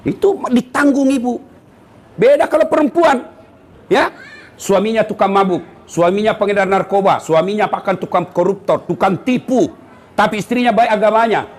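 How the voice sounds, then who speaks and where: Middle-aged guy from doing a funny sermon, high voice, teases the crowd a lot. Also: moderate pace. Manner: animated, teasing, calls out to the audience. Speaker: preacher. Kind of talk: comedic sermon to a congregation.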